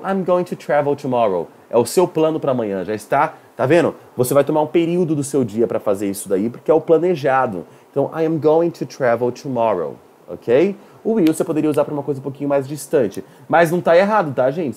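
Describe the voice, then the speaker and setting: Lively Brazilian man teaching English. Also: mid-range voice. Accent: Brazilian Portuguese. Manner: lively, animated, chatty with viewers. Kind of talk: live online English lesson.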